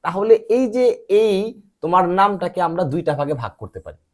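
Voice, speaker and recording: A man teaching English pronunciation in a patient lesson, quizzing his student and spelling letters out slowly. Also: high voice, big pitch swings. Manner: asks frequent check questions and spells letters out slowly.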